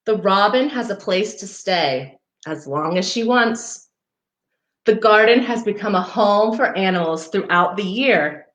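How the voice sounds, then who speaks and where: For a parks program, a woman reads a picture book to children unhurriedly, her mid-pitched, slightly bright voice rising and falling in an animated way. She drops in chatty asides to her young audience, and the sound is roomy and echoing.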